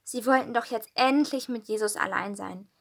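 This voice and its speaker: A woman reads a children's Bible story aloud with calm, clear storytelling. Her voice sits somewhat high. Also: normal speed.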